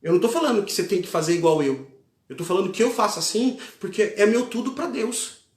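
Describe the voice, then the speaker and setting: A man's voice: high-pitched, lively intonation, quick pace. A man with a Brazilian Portuguese accent preaching a fervent sermon as a pastor, repeating key phrases with emphasis. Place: church. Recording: echoey church hall.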